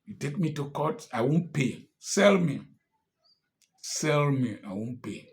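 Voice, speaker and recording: A man in his sixties speaks in a slightly high, sing-song voice at a slow pace, giving an impassioned political address in a Nigerian accent. As a commentator he is emphatic and defiant, rising to angry outbursts.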